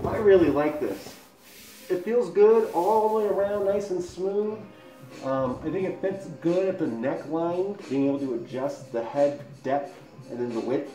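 A man speaks from inside a helmet, his voice muffled and enclosed. He chats eagerly in a fairly high voice, with faint music behind him, and the room gives an echo. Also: dark tone. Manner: enthusiastic, chatty. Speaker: collectibles reviewer. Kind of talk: casual product review. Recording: echoey room.

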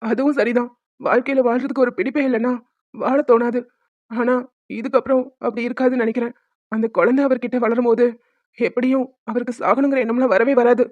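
A woman's voice: on the high side, steady tone, fairly quick, darkish tone, dry recording, dull audio, close to an everyday voice. A woman voicing a young grieving husband and doting father in a cartoon, speaking in an emotional, tearful, pleading way. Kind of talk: cartoon voice acting.

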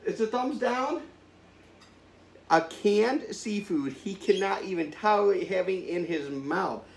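A man's voice: high-pitched, lively intonation, measured pace, vocal fry. A middle-aged man casually hosting to camera, exclaiming in disgust at a bad smell. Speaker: host of a family food challenge show. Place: living room at home. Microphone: camera a few feet away. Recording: roomy, distant mic with faint noise.

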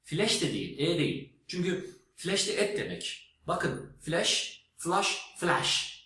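A man's voice: a little high, sing-song, a little slow, bright, forceful tone. A man giving a spoken lesson, emphatic and teacherly, demonstrating words aloud. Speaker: English teacher. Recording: very echoey room with faint noise.

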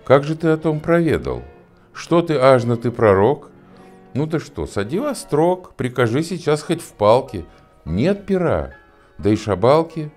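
An older man playing a simple young peasant lad from a storybook, protesting and begging in a lively, rising voice. His pitch swings a great deal. Faint music plays underneath. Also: unhurried. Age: 60s. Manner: pleading, excuses.

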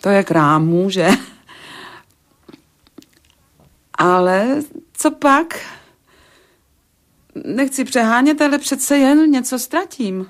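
A woman's voice: on the high side, animated, long pauses, natural voice. An actress in a radio play voicing a sceptical woman who teases and bargains in a dry, colloquial way. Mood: sardonic. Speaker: actor in radio drama. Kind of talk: Czech radio play acting.

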